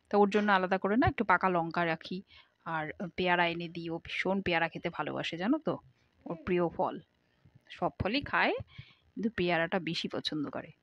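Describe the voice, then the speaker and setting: A woman's voice: lowish voice, highs cut off. A middle-aged woman, chatting casually to viewers in a home vlog while doing kitchen chores. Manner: chatty, homely, addresses viewers directly. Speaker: vlogger.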